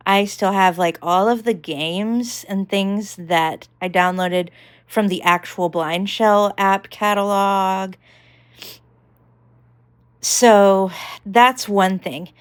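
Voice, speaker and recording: A woman's voice: mid-range voice, clear, resonant tone. Woman vlogger rambling thru a gadget demo, lots of um and like. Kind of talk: casual demonstration.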